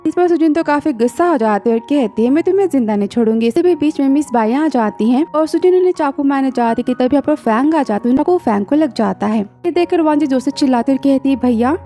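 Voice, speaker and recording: A woman's voice: sits high, expressive, fairly quick, few pauses, dark tone, soft background music. A woman narrating a drama recap in a casual storytelling way, reading the characters' lines in her own plain voice.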